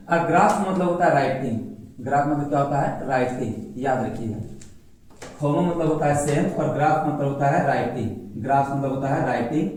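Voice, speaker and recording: Male teacher, fairly high voice, repeats himself, answers his own questions, heavy room echo. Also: a little mellow, a little hiss or hum. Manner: repetitive, asks questions and answers them himself. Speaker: English teacher. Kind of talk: classroom-style lesson at a board. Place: room, recording without a digital board.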